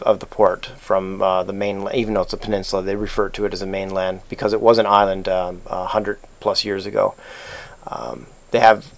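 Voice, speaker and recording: A man with a Canadian accent narrating a tabletop game as game master, halting and full of restarts. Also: sits low, vocal fry. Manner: halting, lots of fillers and restarts.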